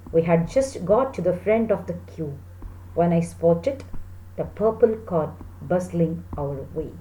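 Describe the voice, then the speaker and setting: Speaking deliberately as if to a class of kids, a teacher in her thirties reads English text aloud, explains it and asks pupils checking questions. Her mellow voice sits on the low side with lively intonation, and the small plain room adds a roomy echo and a little background noise.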